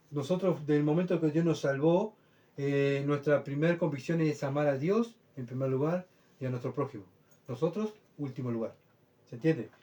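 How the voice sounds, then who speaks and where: A pastor delivers a sermon with earnest emphasis, his voice a little higher than most men's. He alternates loud, pleading bursts with quiet asides, uses rhetorical questions, and keeps checking that listeners are following.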